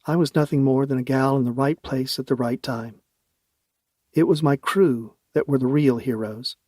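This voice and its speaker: A man's voice: mid-range voice, fairly even intonation, normal speed, mellow, dry recording. A man narrating a science fiction audiobook in the first person, with a wry, dry humor.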